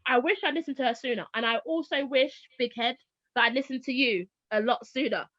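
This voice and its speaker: Animated high-voiced woman, dry lo-fi sound. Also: brisk, dry recording. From Barbados. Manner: animated storyteller, acts out quoted voices. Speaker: guest, former teacher now homeschooling parent. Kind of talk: casual interview chat.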